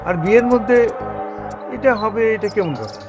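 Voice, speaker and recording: A man's voice: high-pitched, expressive, normal speed, lo-fi sound, music in the background. A doubtful, old-fashioned father. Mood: reluctant. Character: traditional, doubtful middle-aged Bengali father. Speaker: father of the bride. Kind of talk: TV serial acting.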